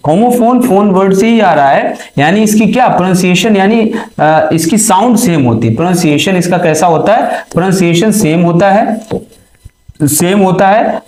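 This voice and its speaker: A man's voice: high-pitched, a little mellow. Echoey male teacher quizzing himself. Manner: asks questions and answers them himself; mixes Hindi with English terms. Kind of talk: exam-prep vocabulary lecture. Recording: echoey room.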